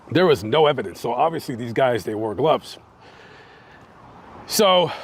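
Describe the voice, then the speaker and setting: A man hosting a true-crime channel, telling the story on location in a casual, conversational way, with plenty of fillers as he talks to his viewers. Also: a little high. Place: on location outside a house.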